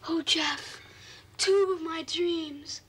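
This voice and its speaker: A man's voice: very high-pitched, fairly even intonation, extremely slow, sharp tone, exaggerated voice. A young male actor playing a sly, taunting little brother in a film comedy.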